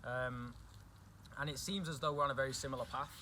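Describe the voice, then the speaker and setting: A young Englishman chats casually as a guest, speaking a little fast in a medium-pitched, fairly even voice. He repeats himself often and keeps saying "do you know what I mean," with noise in the background.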